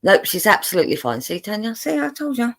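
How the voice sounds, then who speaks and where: Here she speaks at a medium pitch, very animated and fast, with a slightly bright sound. Born in London and brought up in Buckinghamshire, the English woman runs a live stream where she reads out viewers' messages, chatting loosely with many fillers and regular laughs.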